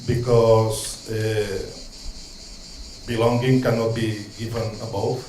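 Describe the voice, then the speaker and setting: A street social educator from Catalonia, Spain, delivers a slow, hesitant English talk from notes, accented with Catalan-Spanish. His fairly low voice stays level in pitch while he ums, restarts and offers warm asides. Sound quality is poor: roomy, with slight background noise.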